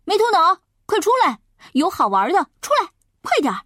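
A woman voicing a stubborn, contrary schoolboy in a children's story, calling out loudly and urgently. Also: very high-pitched, sing-song, a little fast, no echo, clean studio sound, pitched above the performer's own voice, heavily acted. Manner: shouting and urgent.

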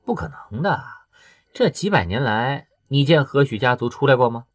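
A man's voice: medium pitch, sing-song, normal speed, no room sound, voice pushed up. A man doing a chatty know-it-all coworker guy, swoops all over, dry close sound, faint music under it. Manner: dismissive, chatty. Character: gossipy young male office coworker, know-it-all. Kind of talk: audiobook character voice.

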